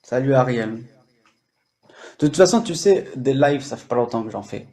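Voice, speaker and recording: A man's voice: mid-range voice, lively intonation, normal speed, creaky, dark tone, slight background noise. A French-speaking man hosting a language-learning live stream, explaining casually with many fillers and restarts.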